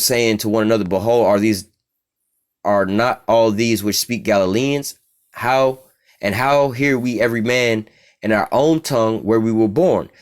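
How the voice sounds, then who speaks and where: An American man with a lowish voice gives an informal Bible teaching full of profanity, repeatedly asking "all right?".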